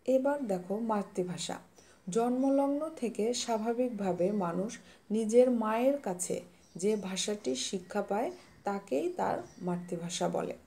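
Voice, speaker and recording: Slow gravelly woman teaching a lesson. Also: medium pitch, mellow. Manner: slow, explains step by step with quiz questions. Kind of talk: classroom lesson reading notes.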